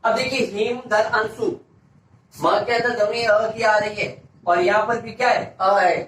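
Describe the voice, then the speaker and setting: A man's voice: high-pitched, fairly even intonation, a little slow, fairly bright tone. A male teacher giving a grammar lesson, asking a question and answering it himself, repeating each answer. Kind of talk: classroom-style grammar lesson. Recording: echoey room, voice from a distance, faint hiss.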